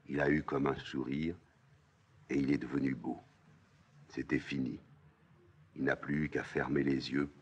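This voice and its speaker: A man reading a play aloud, voicing a defiant young woman with shrill, mocking outbursts. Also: a bit bright, husky, full character voice. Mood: bitter hushed.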